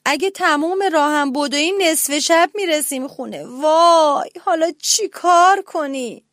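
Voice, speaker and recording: A woman voicing a whiny, easily scared young boy mouse who complains loudly. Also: dry recording, clean studio sound. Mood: scared whining. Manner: shrill and whining.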